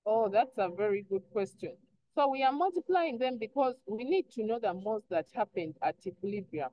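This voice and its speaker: Speaking a little fast in a slightly high, expressive voice, a woman chemistry teacher explains an online lesson one step at a time. She poses prompting questions and answers them herself, instructive throughout, over dull lo-fi class audio.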